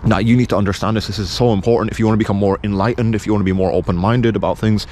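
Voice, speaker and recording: A man's voice: lowish voice, fairly even intonation, rapid-fire, a little mellow, slight background noise. A man from England with a British accent giving an unscripted opinion monologue in an insistent, blunt, repetitive manner. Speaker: video presenter.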